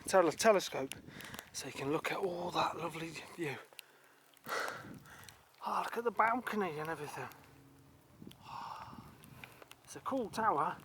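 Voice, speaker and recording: Brit guy vlogging a walk in the mist, grumbly, kinda high voice, lots of outdoor noise. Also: a bit bright. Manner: chatty, grumbling about the weather. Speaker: travel vlogger. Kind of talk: walking tour commentary. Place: outdoors on muddy fields in mist.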